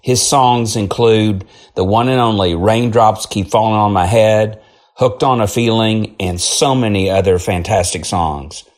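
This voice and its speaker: A man's voice: on the low side, a little slow. A man hosting an interview show, introducing his guest in an upbeat, effusive way. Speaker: host.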